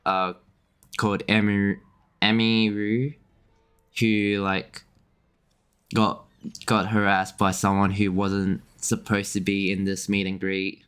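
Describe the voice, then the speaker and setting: Rambling low-voiced male streamer. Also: monotone, slow pace, long pauses, a bit bright, clean tone. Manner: rambling, filler-heavy with frequent restarts and chuckles. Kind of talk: casual chat while gaming.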